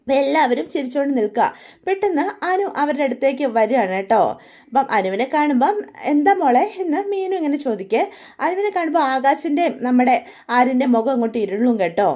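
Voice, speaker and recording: A woman's voice: high voice, expressive, quick pace, a little mellow. A woman casually narrating a family story, chatting to listeners as she goes. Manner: chatty, addresses listeners with tag words.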